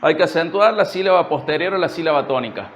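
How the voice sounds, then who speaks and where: A man with a Cordobés Argentine accent and a fairly high voice preaches an expository sermon at a church service. He often turns to the congregation with rhetorical questions and keeps a light, humorous touch. Faint noise sits behind his voice. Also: lively intonation, fast, a bit bright. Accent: Cordobés Argentine Spanish. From Córdoba, Argentina.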